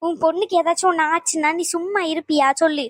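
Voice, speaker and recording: A woman voicing an exasperated middle-aged mother in a cartoon, who scolds loudly and wails. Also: very high voice, fairly even intonation, quick pace, no echo, studio quality. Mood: scolding, wailing. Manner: loud, scolding, wailing. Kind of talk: cartoon voice acting.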